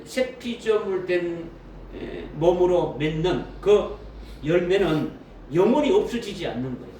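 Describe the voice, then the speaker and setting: High, lively-voiced preaching man. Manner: asks the congregation questions and repeats key phrases. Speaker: pastor. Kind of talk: sermon. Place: church sanctuary. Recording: roomy echo from a distant mic with faint noise.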